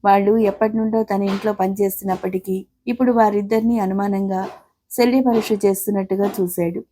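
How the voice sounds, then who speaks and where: A woman's voice: medium pitch, fairly even intonation, fairly quick, dark tone, slight background noise. A middle-aged woman reading a family story aloud, voicing the characters' lines in her own voice. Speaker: story narrator. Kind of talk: scripted storytelling narration.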